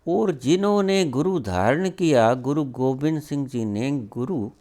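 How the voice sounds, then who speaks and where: A spiritual teacher delivers a discourse slowly, leaving long pauses between words, in an expressive, warm voice. His pitch swings widely as he fires off rhetorical questions and scolds emphatically.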